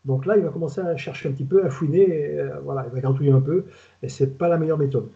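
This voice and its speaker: Fairly high-pitched yet gravelly and dark, this retired food safety inspector speaks with a southern French accent as an older guest expert. He rambles rapidly and colloquially through the casual webinar, tripping over and repeating words, heard over dull, lo-fi video call audio.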